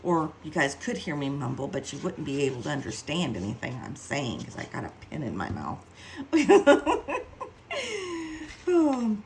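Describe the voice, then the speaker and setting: A woman's voice: very deep voice, sing-song, a little fast, few pauses, a little hiss or hum, poor audio. A woman giving a casual craft tutorial, chatty and self-mocking as she thinks aloud while working. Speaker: card-making demonstrator.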